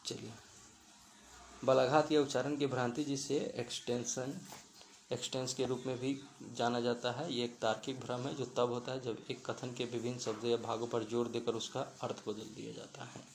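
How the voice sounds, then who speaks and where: A man with a gravelly, fairly monotone voice explains quiz questions like a teacher. He goes through each answer option step by step and drops English terms into his explanations. A faint hiss sits under the recording. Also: mid-range voice, poor audio. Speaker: exam-prep teacher.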